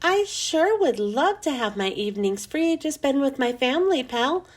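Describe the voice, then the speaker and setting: Using a high-pitched, expressive voice at normal speed, a woman brings a friendly young male janitor to life during a children's storybook reading. She gives him a chummy, casual, and earnest manner.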